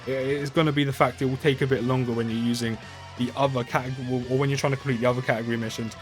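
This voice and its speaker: A man's voice: mid-range voice, level tone, very fast, soft background music. A man giving casual, rambling commentary while playing a mobile game, full of fillers and restarts. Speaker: gaming YouTuber.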